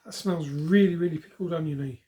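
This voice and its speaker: A woman's voice: deep voice, fairly quick, mellow. A woman giving a casual, chatty food review, repeating words for emphasis. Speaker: snack reviewer.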